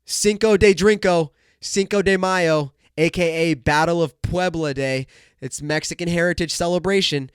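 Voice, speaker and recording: A young man rants casually on his solo podcast, hyped and joking, calling listeners "bro" and "dude." His voice is on the high side, clear and resonant at a moderate pace, though nasal and congested from a cold. The clean studio recording has no room sound.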